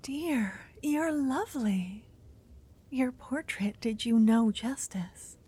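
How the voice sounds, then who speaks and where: A woman's voice: on the high side, animated, takes it slowly, breathy edge, exaggerated voice. A woman whispering as a shy young noblewoman. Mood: nervous whispering. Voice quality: soft whisper. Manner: hesitant, stammering. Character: shy, nervous young noblewoman meeting her betrothed. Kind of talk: whispered ASMR roleplay.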